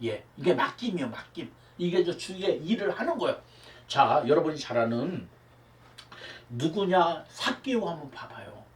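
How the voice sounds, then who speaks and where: A man's voice: fairly high pitch, sing-song, moderate pace. A man preaching a Sunday sermon as pastor, with emphatic delivery and rhetorical questions to his viewers. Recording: roomy hall, mic at a distance.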